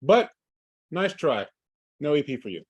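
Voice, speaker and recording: A man running a livestreamed tabletop game as game master, halting and full of fillers and restarts. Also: fairly high pitch, very animated, a little mellow, breathy edge, no room sound.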